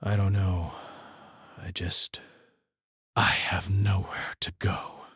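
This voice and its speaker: A man's voice: fairly low pitch, steady tone, slow, a little mellow, no room sound, studio quality. A man voicing a frightened young homeless girl who speaks in a small, trembling whisper.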